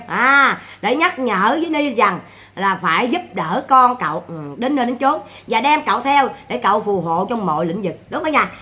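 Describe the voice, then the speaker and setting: A woman chatting casually to her viewers, animated and scolding, with repeated exclamations. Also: fairly high pitch. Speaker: vlogger. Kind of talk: casual livestream chat.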